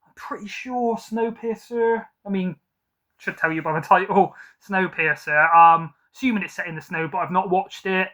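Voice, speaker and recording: A man's voice: high-pitched, normal speed, sharp tone. A man casually ranking films from his collection at home, rambling and hesitant with many ums and self-corrections. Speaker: film collector vlogger. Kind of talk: casual film ranking chat.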